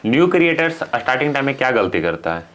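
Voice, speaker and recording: A man's voice: mid-range voice, sing-song, fast talker, fairly bright tone, lo-fi sound. A man hosting a casual podcast, asking respectful questions. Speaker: podcast host.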